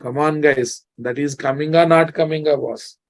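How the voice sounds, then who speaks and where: A man's voice: on the high side, fairly even intonation, moderate pace. A man with a Telugu Indian accent giving an informal live programming lecture, often repeating phrases and checking that his students follow. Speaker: programming instructor.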